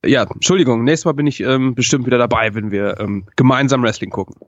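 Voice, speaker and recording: A man's voice: mid-range voice, fast talker, no room sound. A man co-hosting a casual wrestling chat, easygoing, adding news details, on a dull lo-fi line. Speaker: podcast co-host. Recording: dull dry lo-fi remote line.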